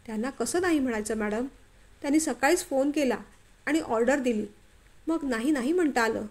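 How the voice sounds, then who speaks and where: A frightened, honest young office clerk pleading his innocence in a storybook reading, as a woman narrator acts him out. The voice is raised high and anxious, with a pleading manner. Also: brisk. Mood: polite.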